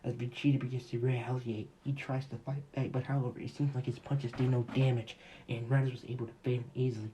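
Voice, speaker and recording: A man's voice: mid-range voice, level tone, fast, hardly any pauses, mellow, slight background noise. A young man casually narrating a fan-made story in a rambling, offhand way. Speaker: YouTube storyteller.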